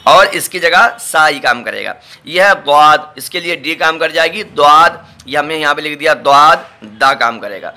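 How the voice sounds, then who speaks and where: A man with a Delhi accent gives a patient lesson on letter sounds. His voice sits a little high and rings very bright. He repeats each sound slowly and keeps asking whether the learner follows. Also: lively intonation. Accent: Delhi Hindustani. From India. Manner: repeats each letter slowly, often checks with "ठीक है" and "समझे". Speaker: imam teaching Quran letters. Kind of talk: patient step-by-step recorded lesson.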